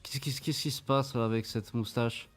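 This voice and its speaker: A man's voice: medium pitch, fairly even intonation, normal speed, soft background music. A man hosting his channel, giving mocking, sarcastic screen-share commentary, swearing casually as he talks viewers through the material. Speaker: channel host reviewing an investment scheme.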